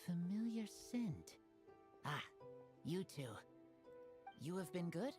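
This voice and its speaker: An actor playing an earnest, wolf-raised teenage boy in a video game, speaking in terse, halting, broken sentences. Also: medium pitch, sing-song, over music. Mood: calm, welcoming.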